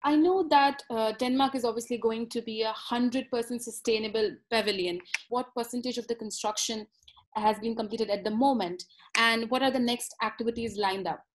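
A woman's voice: on the high side, moderate pace, low-quality recording. A young adult woman interviewing a guest over a video call, polite and asking long structured questions.

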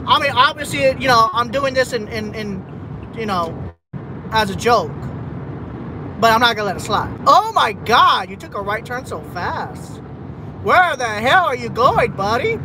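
A man's voice: very high-pitched, animated, measured pace. A man from Texas, live streaming from his car while driving at night, rambling and repeating himself as he vents half-jokingly. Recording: road noise from a moving car. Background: engine and road noise.

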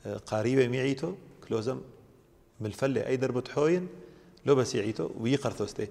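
Fast, gravelly-voiced priest teaching. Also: male voice, mid-range voice, darkish tone, in a large hall. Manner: explains steadily at length. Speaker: priest guest. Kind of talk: religious teaching on a TV program.

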